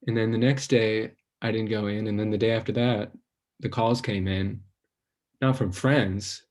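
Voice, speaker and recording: An actor playing an anxious, self-conscious young man who rambles, stalls and trails off into quiet self-doubt in a stage play. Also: fairly low pitch, fairly even intonation, moderate pace, close to an everyday voice. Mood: rambling, ashamed.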